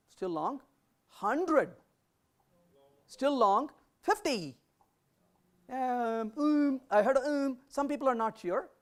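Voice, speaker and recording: A woman giving a conference talk to developers, questioning the audience and acting out short dialogues. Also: sits high. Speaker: conference speaker.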